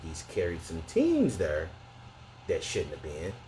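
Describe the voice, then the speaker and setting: A man's voice: sits low, huge pitch swings, unhurried, warm tone, slight background noise, rough recording. An American man talking in a slangy, emphatic, conversational way, as in a casual opinionated sports rant.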